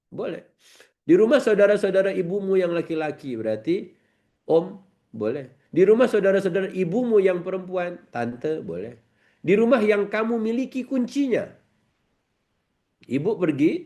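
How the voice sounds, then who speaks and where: A man preaching a lively sermon in a joking manner, acting out quick slangy exchanges. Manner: animated, jokey, acts out slangy dialogue in a high voice.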